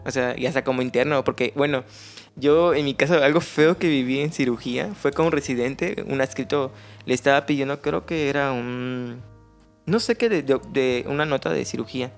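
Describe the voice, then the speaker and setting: A man's voice: mid-range voice, normal speed, creaky, faint music behind. A man with a Mexican accent, chatting frankly as a podcast guest and telling stories with casual slang. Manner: storytelling, frank and conversational with slang. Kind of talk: casual chat.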